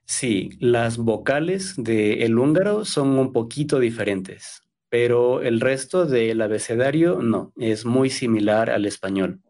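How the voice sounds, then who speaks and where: A man in his thirties from Ecuador, a Spanish teacher speaking slowly and carefully as a guest in a conversation for learners, soft-spoken with small fillers. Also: mid-range voice. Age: 30s.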